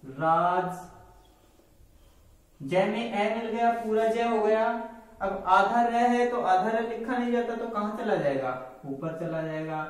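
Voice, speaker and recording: A man teaches a grammar lesson slowly and deliberately, working through each step and answering his own questions. His voice rings in a very echoey room. He sounds a little way back from the microphone. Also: high voice, distant mic.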